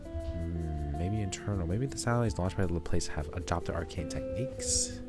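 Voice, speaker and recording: A male streamer reads a story game aloud in a relaxed, joking style of casual gameplay commentary. His voice is low and animated at normal speed, with soft music in the background.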